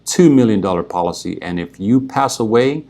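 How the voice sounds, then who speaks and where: A man's voice: lowish voice, animated, normal speed, mellow. A man working as a financial advisor, explaining his services straight to the viewer in an earnest, persuasive way, often checking in with "right?" and "okay". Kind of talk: direct-to-camera explainer.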